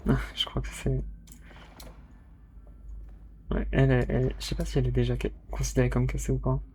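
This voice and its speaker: A man's voice: mid-range voice, monotone, brisk, slight background noise. Man muttering through a solo game. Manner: muttering to himself, shouting spell words. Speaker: streamer. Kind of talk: casual let's-play commentary.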